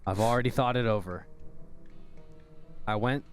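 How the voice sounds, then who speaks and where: A man's voice: mid-range voice, normal speed, soft background music, close to an everyday voice. A man voicing a polite, earnest android asking to stay as a roommate, reading a game script in fan voice acting. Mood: pleading. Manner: formal, pleading.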